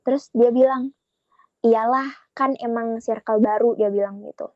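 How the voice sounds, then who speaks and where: Young woman, chatty storyteller, quotes dialogue, a bit high, dry lo-fi sound. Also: steady tone, normal speed, dry recording. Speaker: guest sharing a relationship story. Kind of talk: casual podcast storytelling.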